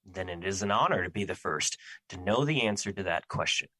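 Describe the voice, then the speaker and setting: An actor in an audio drama playing Fear personified, a solemn, protective immortal who speaks formally and earnestly, full of remorse. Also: male voice, low voice, animated, a little fast, pushed and bright, no room sound, exaggerated voice, low-quality recording. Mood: sincere, gentle. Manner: formal, stilted, earnest phrasing without contractions.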